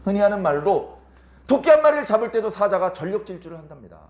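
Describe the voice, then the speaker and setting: A man's voice: high voice, sing-song, fast, a little mellow. A male pastor preaching a Sunday sermon in a church, asking the congregation rhetorical questions and acting out quoted lines. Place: church sanctuary. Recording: echoey church room.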